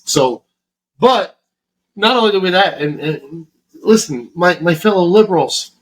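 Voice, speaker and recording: A man's voice: high-pitched, expressive, measured pace, poor audio. A man from Florida co-hosting a podcast, rambling through a casual chat in a heavily profane, restart-filled way. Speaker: podcast co-host.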